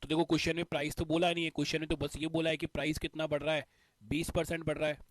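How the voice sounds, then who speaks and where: Guy teaching exam math, repeats the main rule, kinda high voice. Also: level tone, racing, no echo. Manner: explains step by step, repeats key points. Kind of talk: exam-prep math lesson.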